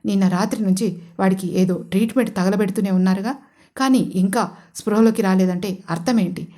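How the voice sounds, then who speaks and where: A woman narrator voicing an angry, hot-tempered young man who shouts orders and threats in an audio story. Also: mid-range voice, lightly acted. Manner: shouting, abusive, commanding.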